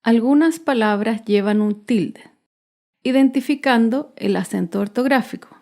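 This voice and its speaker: A woman teaching a basic grammar lesson, narrating slowly and carefully and stressing each syllable. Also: fairly high pitch, creaky, a little mellow. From Chile. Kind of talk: slow, clearly spelled-out grammar lesson narration.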